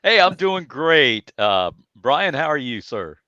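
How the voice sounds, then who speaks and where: An American podcast guest with a fairly high, bright voice tells stories in casual conversation, very animated yet slow-paced and forceful. He comes across as enthusiastic, effusive and polite. The recording is dry and slightly dull, with no echo.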